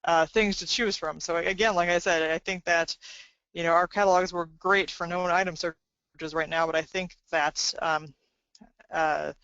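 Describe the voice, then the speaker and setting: Bright, crisp-voiced woman presenting a webinar. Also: lowish voice, fairly even intonation, normal speed, no room sound, muffled recording. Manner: conversational, with frequent fillers.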